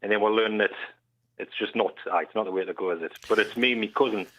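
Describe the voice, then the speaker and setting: A man's voice: lowish voice, steady tone, fast talker, a bit bright. A man with a North East England accent chatting casually and colloquially as a caller on a radio phone-in, over a phone line. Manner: colloquial, frequent "you know" and "aye". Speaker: phone-in caller, band singer. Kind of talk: casual chat. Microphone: telephone call to radio show. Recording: muffled, narrow phone line.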